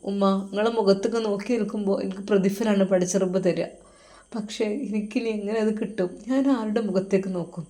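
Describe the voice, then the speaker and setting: A woman's voice: medium pitch, fairly even intonation, lightly acted. Woman voicing a heartbroken young cleric. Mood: pleading. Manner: sorrowful, halting, soft-spoken.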